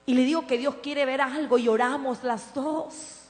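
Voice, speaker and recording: High-voiced woman pastor preaching in a reverberant hall. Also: fairly even intonation, normal speed. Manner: impassioned preaching, dropping to soft tender tones. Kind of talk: sermon. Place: church sanctuary. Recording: reverberant hall with mains hum.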